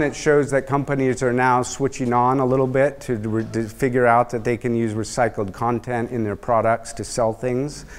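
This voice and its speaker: Middle-aged male lecturer, explanatory, analogies, lectern mic. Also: mid-range voice. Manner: explanatory, uses analogies, some fillers. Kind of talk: university lecture. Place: large lecture hall.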